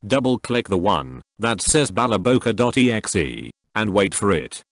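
A synthetic male voice, set a little low, narrates a software tutorial from a script. Its intonation swings widely, and it sits dry and close with no room sound around it. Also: very animated, moderate pace, no echo. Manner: text-to-speech voice reading a script.

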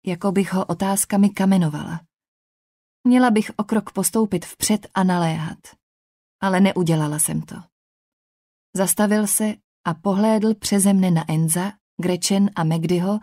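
Woman calmly narrating an audiobook. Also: fairly low pitch, no room sound, clean studio sound. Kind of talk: scripted first-person narration.

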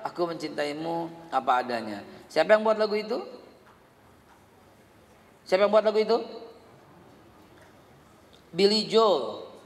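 A middle-aged man, preaching a sermon and telling animated stories about his family. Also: a little high, measured pace, creaky, long pauses. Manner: animated storytelling, quoting family dialogue; sings snatches of a song. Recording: long hall reverb.

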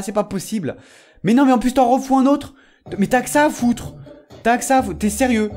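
A man giving excited live commentary on his own mobile game matches, groaning, swearing and shouting at the game. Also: high-pitched. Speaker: gamer streaming a mobile game tournament.

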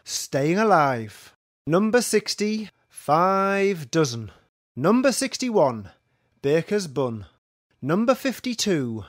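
Male bingo caller, slow and swooping. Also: a little high, no room sound, studio quality. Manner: bingo caller, each number announced then its nickname in a set sing-song pattern. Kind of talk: online bingo number calling with rhyming nicknames.

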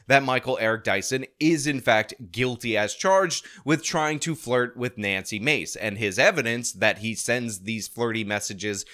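A man's voice: mid-range voice, unhurried, few pauses, bright, forceful tone. A man hosting a political commentary video, talking in sarcastic, mocking bursts. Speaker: commentary channel host.

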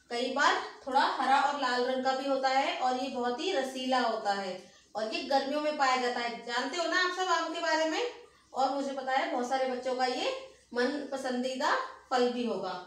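A high-pitched woman teaching a nursery class, drawing out each word so small children can follow and repeat. Her voice sits a little away from the microphone and rings in a very echoey room. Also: fairly bright tone, recorded from a distance. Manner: slow, patient, sing-song repetition for children.

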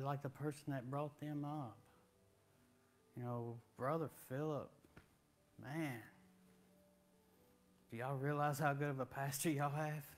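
A man, preaching a sermon in a folksy, conversational way with rising emphatic questions, in a church sanctuary on a lapel mic. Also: mid-range voice. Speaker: guest preacher.

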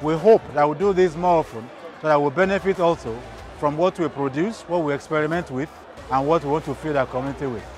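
A man's voice: a little high, fast, over music. Formal Nigerian man, congratulatory interview. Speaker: university administrator. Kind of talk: on-camera interview. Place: outdoor campus grounds.

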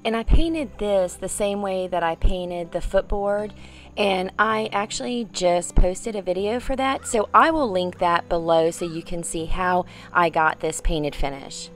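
A woman's voice: on the low side, unhurried, faint music behind. A middle-aged woman hosting a home decor vlog, explaining a room makeover in a chatty way. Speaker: home decor vlogger, host. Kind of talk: room makeover tour presentation. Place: bedroom, indoors, for the on-camera part.

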